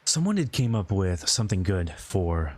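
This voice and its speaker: A man's voice: low-pitched, sing-song, moderate pace, a little mellow. A man talking informally and ramblingly as he hosts a game livestream and answers his viewers' chat. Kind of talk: casual gaming stream commentary, answering viewer chat.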